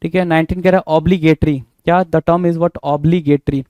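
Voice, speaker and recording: Man drilling vocabulary in a dry, mellow voice. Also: a little high, fairly even intonation, unhurried, dry recording. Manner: repetitive, spells words letter by letter, quizzing the viewer; mixes Hindi and English. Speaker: English vocabulary teacher. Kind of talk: exam-prep vocabulary lesson.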